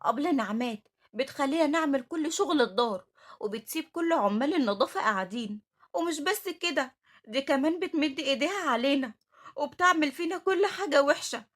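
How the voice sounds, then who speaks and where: A woman's voice: high-pitched, animated, fairly quick, voice pushed up. A woman reading Farah, a frightened teenage orphan girl with an Egyptian accent. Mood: pleading.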